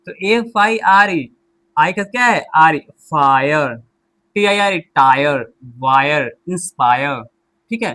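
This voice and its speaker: Slow, high-voiced male English teacher. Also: fairly bright tone. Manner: slow, repetitive, quizzes the listener with questions. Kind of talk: classroom lesson explaining pronunciation rules.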